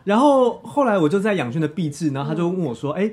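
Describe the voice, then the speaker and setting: A man's voice: sits high, sing-song, fast, darkish tone, breathy edge. A man with a Taiwanese Mandarin accent telling his story casually as an interview guest, in a self-deprecating way. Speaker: interview guest, theatre director.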